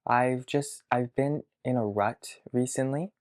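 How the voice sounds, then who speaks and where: A man of about twenty talking to his future self in a video diary from his childhood bedroom, hesitant and reflective, pausing to think aloud. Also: mid-range voice, darkish tone. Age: around 20. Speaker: vlogger.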